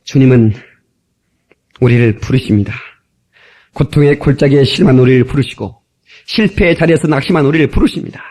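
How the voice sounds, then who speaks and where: A middle-aged male pastor preaching emphatically, with shouted exclamations and calls to the congregation. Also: medium pitch, fairly quick, pauses often. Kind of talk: sermon.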